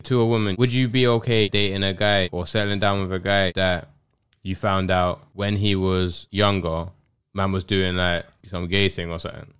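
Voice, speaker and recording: A man's voice: low-pitched, little pitch movement, moderate pace, fairly bright tone, smooth. A man with a London roadman accent giving casual podcast commentary in street slang, reasoning through comparisons.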